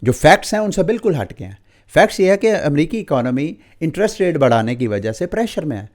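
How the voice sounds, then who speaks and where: A man's voice: a little high, very animated, fast, darkish tone. Pakistani man explaining crypto market news. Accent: Pakistani Urdu. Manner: explanatory, addresses viewers directly, mixes English terms. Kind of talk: market update monologue.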